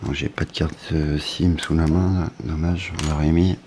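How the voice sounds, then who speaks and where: A man's voice: a bass voice, level tone, moderate pace, a little mellow, a little hiss or hum. A man, casually unboxing a phone and thinking aloud with hesitant fillers. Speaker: tech unboxing vlogger.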